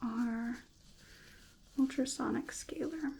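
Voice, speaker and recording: A woman whispers right into a close microphone, playing a calm dental hygienist for an ASMR roleplay. Her voice is airy and breathy with a deep, mellow warmth and a slightly high pitch. She speaks slowly and gently, pausing often to reassure. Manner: soft whisper, slow and reassuring, checks in with "okay?". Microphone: close sensitive mic.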